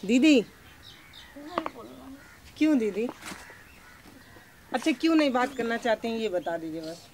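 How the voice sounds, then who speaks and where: A woman's voice: fairly high pitch, very animated, measured pace, pauses often, darkish tone, a little hiss or hum. A woman reporting on location as a field news reporter, coaxing and pleading with questions, then speaking impassioned to camera.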